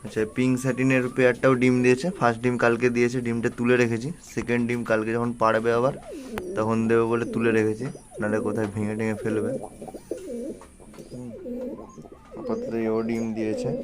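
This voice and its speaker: A pet vlogger narrates casually and matter-of-factly while walking through his outdoor pigeon loft and garden. His medium-pitched voice is brisk and completely flat, and the noisy recording carries crowd noise, cooing pigeons, birdsong and ambient sound.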